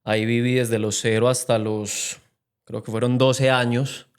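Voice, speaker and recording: A man's voice: mid-range voice, level tone, a little slow, clear, resonant tone. Earnest Colombian man telling his story. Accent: Colombian, from Medellín. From Medellín, Colombia. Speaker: podcast guest, AI consultant. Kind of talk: casual interview chat.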